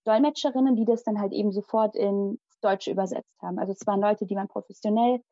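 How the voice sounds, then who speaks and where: Fast and medium-pitched, a young Malayalam-speaking woman dramatizes a personal story with lively energy while being interviewed. There is no echo, but the highs are cut off.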